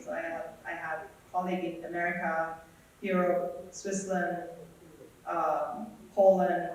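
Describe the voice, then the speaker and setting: A man's voice: high-pitched, pushed and bright. A man from Thailand answering interview questions, hesitant, often repeating words and adding fillers. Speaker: guest speaker. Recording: echoey hall, speaker far from mic.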